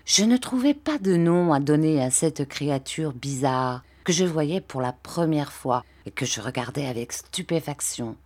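A woman narrates a storybook in a slow, deliberate reading. Her voice sits somewhat low, and she shapes each phrase with calm expression. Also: breathy edge.

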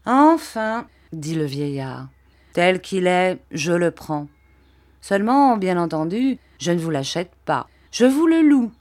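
A woman's voice: on the low side, big pitch swings, takes it slowly, a little mellow. A woman voicing a shrewd, mocking old traveling showman in a storybook reading.

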